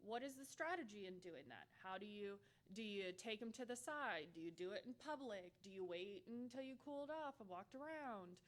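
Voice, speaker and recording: A woman's voice: medium pitch, sing-song, moderate pace, few pauses. A woman giving a conference workshop talk, candid and humorous with playful asides. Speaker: workshop presenter.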